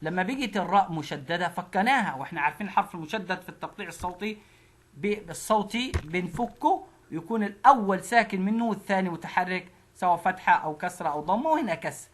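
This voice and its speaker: A woman with an Egyptian Arabic accent teaching a phonics lesson, slowly repeating syllables one at a time. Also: fairly low pitch, expressive.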